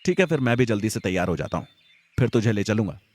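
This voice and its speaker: A man's voice: fairly low pitch, quick pace. A man voicing Arjun, a scared young village man who hides his fear behind teasing, talking to his friend in a Hindi audio story. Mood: casual. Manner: tries to sound calm, teasing.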